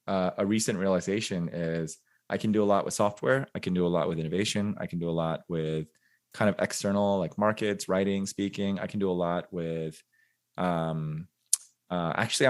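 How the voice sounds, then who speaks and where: A man in his forties, a podcast guest, talking in a relaxed, reflective way with many fillers and self-mocking laughs. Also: sits low, fairly quick. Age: 40s. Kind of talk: casual interview conversation.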